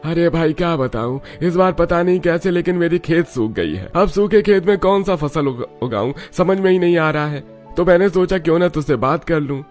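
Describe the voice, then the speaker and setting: A jovial village farmer from a cartoon story, played by a man, folksy and teasing. His pitch swings widely from line to line. Faint music plays underneath. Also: expressive, moderate pace, close to an everyday voice. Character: jovial village farmer men, father and friend. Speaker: voice actor. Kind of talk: animated cartoon dubbing.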